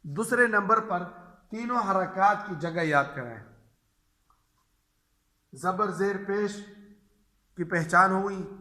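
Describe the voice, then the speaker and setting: Bright, echoey male Quran teacher. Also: sits high. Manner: repetitive call-and-response drilling, answering his own questions. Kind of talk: instructional lesson for teachers and parents. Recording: echoey room.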